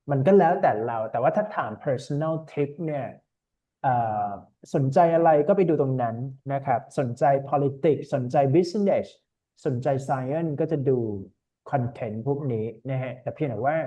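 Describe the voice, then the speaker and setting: Man, tutor, casual online class, mellow voice, lo-fi call audio. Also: mid-range voice. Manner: relaxed, mixes English words into Thai. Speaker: IELTS tutor.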